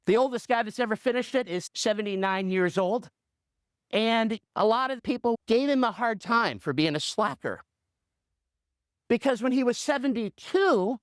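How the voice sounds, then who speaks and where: A man in his fifties, a coach and radio host, telling a motivational story in an animated way with punchy repetition. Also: sits high, clear, resonant tone, no echo, clean studio sound.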